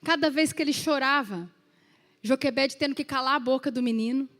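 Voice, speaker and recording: A woman pastor preaching a sermon in an animated storytelling way, speaking straight to the congregation. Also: sits high, brisk, long reverb tail. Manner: acts out quoted voices in her stories.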